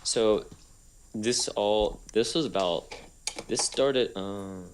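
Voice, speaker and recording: A slow-paced story comes from a young man co-hosting an easygoing podcast, his voice somewhat low, with a little hiss or hum in the audio. He rambles, often begins his sentences again, and keeps coming back around to his intended point.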